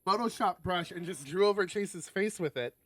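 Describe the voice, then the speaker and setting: He hosts a visual novel stream, reading the story aloud and chatting offhandedly with the odd curse thrown in. The voice is high, at a normal speed, slightly bright, and free of echo.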